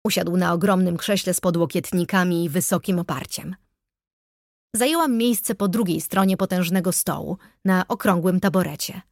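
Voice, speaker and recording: A woman reading a first-person audiobook in a measured, wry storytelling manner. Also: lowish voice, a little mellow, no echo. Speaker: audiobook narrator. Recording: dry close studio sound.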